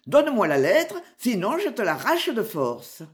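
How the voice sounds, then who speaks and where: A woman's voice: a little high, huge pitch swings, a little slow. An impatient, hot-tempered young knight, as a woman reading the story voices him, urgent and demanding in every line. His voice swings widely as he presses his point.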